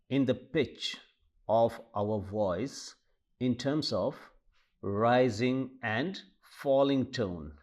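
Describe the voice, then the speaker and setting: Indian man as a language teacher, very slow, deliberate lecture delivery with "uh"s. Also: medium pitch, a little mellow. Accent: Indian English. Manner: slow, deliberate, explanatory with frequent fillers. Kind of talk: classroom lecture mixing Hindi and English.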